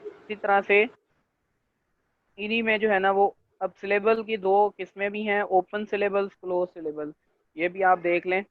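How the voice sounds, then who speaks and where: A male lecturer gives an online class, explaining step by step, checking in with students and filling pauses with stock phrases. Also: high voice, steady tone, no room sound. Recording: dry, tinny phone-like line.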